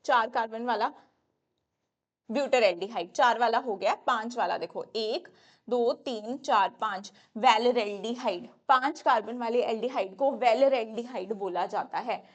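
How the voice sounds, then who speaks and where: Young woman, chemistry teacher, slightly high voice, chatty lecture style with quick self-corrections. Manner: chatty, addresses students as "beta", self-correcting. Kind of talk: exam-prep lecture at a whiteboard.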